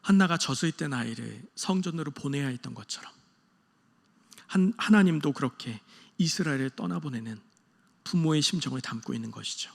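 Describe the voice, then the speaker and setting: A man, a pastor, preaching an early-morning prayer sermon earnestly, moving between loud emphasis and soft hushed lines. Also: a little high, animated, a little fast, gravelly, long reverb tail.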